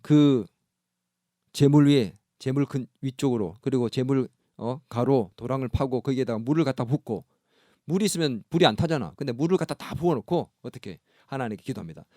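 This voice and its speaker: A male pastor preaching a sermon in an animated, dramatic storytelling manner. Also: medium pitch, brisk, dry recording, clean studio sound. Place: church.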